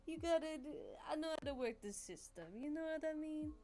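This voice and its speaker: A woman's voice: sits high, lively intonation, fairly quick, over music, voice pushed up. A woman voicing a swaggering, boastful male raccoon boss with a smug, drawling delivery.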